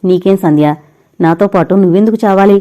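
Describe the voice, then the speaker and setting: A woman's voice: medium pitch, a little fast, muffled recording, close to an everyday voice. A woman voicing a heartbroken young man who drinks himself to ruin, speaking in pained, bitter lines that push his lost love away. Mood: anguished.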